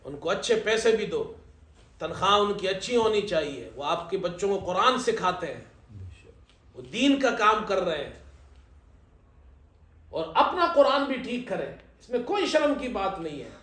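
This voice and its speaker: A man preaching a sermon as imam, telling light humorous stories and reciting scripture slowly. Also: high voice, sing-song, fairly bright tone. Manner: humorous storytelling, slow chanted Arabic recitation. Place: event hall at a ceremony. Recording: echoey hall.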